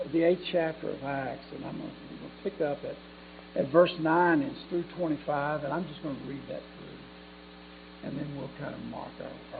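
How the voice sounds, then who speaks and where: Gravelly-voiced preacher on a tinny line. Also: male voice, fairly high pitch. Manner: rambling, self-correcting, conversational. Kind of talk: sermon with scripture reading. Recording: tinny phone-like sound with faint mains hum.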